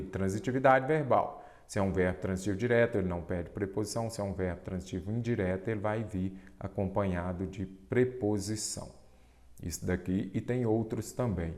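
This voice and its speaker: Lower-voiced man teaching grammar. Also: a little mellow. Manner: explanatory, asks rhetorical questions, stresses key terms. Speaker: Portuguese teacher. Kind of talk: exam-prep lesson at a board.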